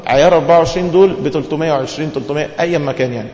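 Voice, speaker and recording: A man's voice: on the high side, very fast, a little mellow. A man with an Egyptian Arabic accent preaching a religious lesson, posing questions to his listeners and answering them himself. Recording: echoey hall, dull lo-fi sound.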